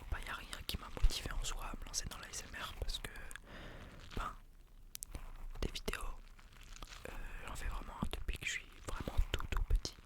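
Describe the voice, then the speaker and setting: A young man doing casual ASMR chat in a quiet, breathy night-time whisper, rambling informally and hesitantly. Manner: quiet, unhurried late-night murmur. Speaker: ASMR video creator and streamer.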